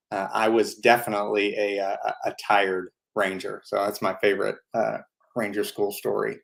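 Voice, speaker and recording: A man's voice: on the low side, a bit bright. A man in his thirties hosting a casual live-stream Q&A, answering viewer questions with easygoing stories and plenty of fillers. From United States. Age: 30s. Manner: easygoing storytelling with frequent fillers.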